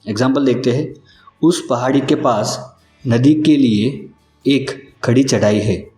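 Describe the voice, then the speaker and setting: Guy doing a slow vocab lesson, spells stuff out letter by letter, mid-pitched voice, roomy echo, soft music under it. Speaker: English vocabulary teacher. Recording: echoey room with faint music underneath.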